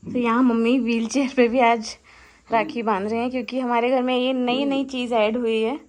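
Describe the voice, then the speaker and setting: A young woman chatting casually in a family vlog, gently coaxing and asking the same things again and again. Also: fairly high pitch, level tone, normal speed, poor audio. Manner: coaxing, tender, repeats questions. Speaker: vlogger.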